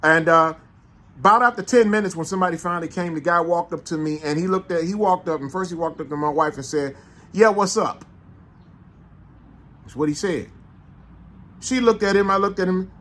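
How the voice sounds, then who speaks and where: A man with a St. in a casual, animated monologue, making his points with repeated rhetorical questions. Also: fairly high pitch, quick pace. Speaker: vlogger.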